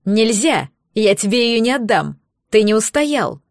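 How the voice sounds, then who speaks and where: A woman reading an audiobook, voicing a mocking, angry young man in a lowered voice. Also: animated, moderate pace, dry recording, studio quality, natural voice. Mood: shouting. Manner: sneering, lower-pitched, forceful.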